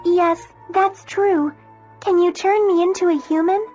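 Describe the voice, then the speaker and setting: Woman voicing a young mermaid, timid, earnest, very high squeaky voice, dull lo-fi sound, soft music. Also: steady tone, a little slow. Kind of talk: storybook narration.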